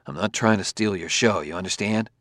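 A man voicing a weary, irritable male detective who talks curtly and forcefully. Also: low-pitched, fairly quick, no room sound, studio quality. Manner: curt, forceful.

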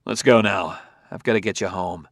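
A man voicing a weary, irritable male detective who talks curtly and forcefully. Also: lowish voice, normal speed, dry recording, clean studio sound, natural voice. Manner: curt, forceful.

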